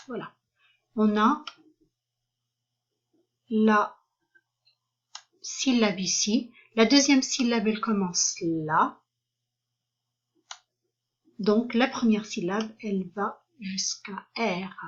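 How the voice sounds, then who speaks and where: A woman giving an online French lesson, spelling out syllables slowly and carefully, with frequent hesitations. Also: mid-range voice, muffled recording. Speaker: French teacher.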